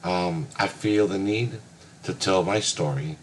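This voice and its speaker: Slow, deep-voiced hesitant man. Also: a little hiss or hum. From United States (Hawaii). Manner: hesitant, many filler sounds. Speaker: graduate student. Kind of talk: recorded class reflection talk.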